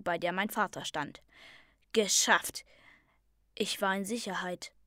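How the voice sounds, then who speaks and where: Woman, storyteller, calm soft narration, middle pitch, dry close sound. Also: no echo. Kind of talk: reading a fantasy story aloud.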